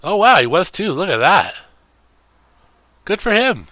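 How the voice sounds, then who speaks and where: A man's voice: high voice, sing-song, measured pace, bright, forceful tone, no room sound. A man streaming games, talking in a rambling, profane, casual way and laughing often.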